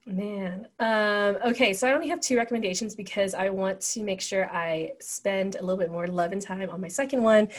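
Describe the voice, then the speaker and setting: A woman's voice: medium pitch, fairly quick, few pauses. Upbeat woman podcast co-host. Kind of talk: casual chat.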